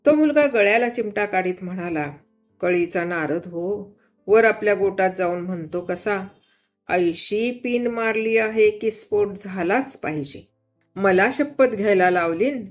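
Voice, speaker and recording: A woman storyteller reads a tale with lively expression. She changes pitch and loudness for each character, and a soft guitar plays faintly behind her voice. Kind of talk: Marathi story reading.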